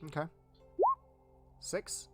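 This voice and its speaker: A man acting as game master, explaining fantasy lore informally in a measured, matter-of-fact way. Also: no echo. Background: music.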